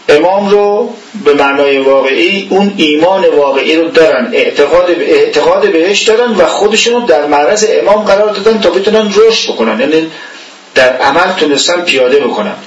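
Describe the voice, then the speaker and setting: A man delivers an informal religious lesson, talking conversationally and posing rhetorical questions to his listeners. His voice sits a little high for a man. He sounds set back from the mic, with the echo of a reverberant room around him. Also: a bit bright. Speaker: religious teacher. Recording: echoey room, voice from far off the mic.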